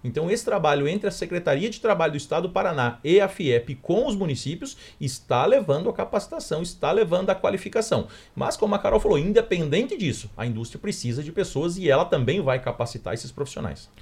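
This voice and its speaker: Man, mayor type, slightly high voice, steady explainer, interview guest. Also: fast talker, hardly any pauses, breathy edge. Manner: steady, explains with figures and targets. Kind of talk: radio interview answers.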